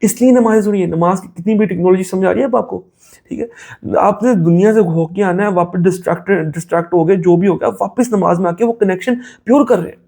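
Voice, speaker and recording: A man's voice: sits high, fast, gravelly, dark tone. A man giving a casual spoken talk on faith and self-control, mixing in English phrases and checking in with "make sense?". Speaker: Islamic motivational speaker.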